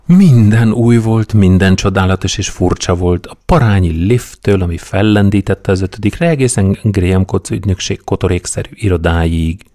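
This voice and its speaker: Male narrator, low voice, steady wry audiobook reading. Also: no echo, clean studio sound. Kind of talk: scripted narration.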